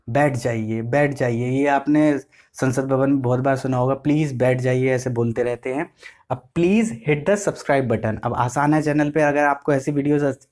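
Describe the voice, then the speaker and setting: A man teaching basic English in a slow, repetitive way, spelling words out letter by letter and explaining them. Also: mid-range voice, a little mellow. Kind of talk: explanatory lesson.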